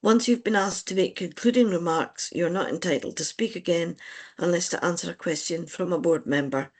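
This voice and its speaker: Convener with a gravelly voice. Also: mid-range voice. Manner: procedural, measured, polite. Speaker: licensing board convener. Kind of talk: formal meeting chairing.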